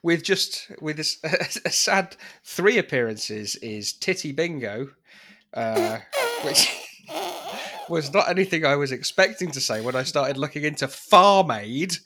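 A man's voice: a little high, sing-song, unhurried, sharp tone. A man co-hosting a casual podcast chat, loose and chatty, laughing often. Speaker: podcast co-host.

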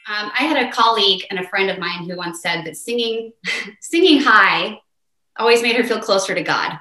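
A mezzo-voiced woman, a voice teacher appearing as an interview guest, explains technique with animated energy, shifting her pitch to demonstrate her points. She talks at normal speed, and the low-quality recording is reverberant.

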